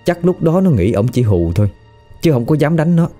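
A man with a Southern Vietnamese accent telling a story in casual spoken style, colloquial and lively, rising at tense moments. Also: on the high side, brisk, faint music behind.

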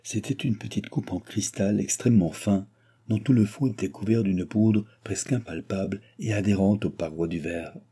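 A man reading a classic novel aloud as an audiobook narrator, in a measured, steady storytelling manner. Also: fairly low pitch, breathy edge.

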